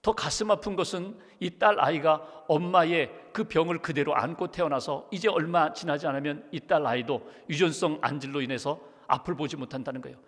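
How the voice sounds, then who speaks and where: A man's voice: a little high, fairly quick, hardly any pauses. A male pastor delivering a Christmas sermon, telling a story with emphatic, preacherly delivery in a church sanctuary. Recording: long church reverb.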